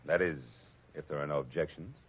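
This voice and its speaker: In a 1940s-style radio performance, a male actor plays a wry, tough private detective who trades dry wisecracks. His bass voice stays steady and brisk with a breathy edge, captured on a dull, lo-fi old radio recording.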